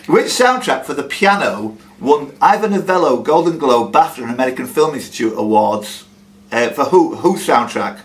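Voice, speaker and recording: He's a quiz host running a live pub-style quiz, his mid-range voice lively in intonation and moving at a moderate pace. Between questions he drops in chatty, joking asides, and the live room carries clear background noise.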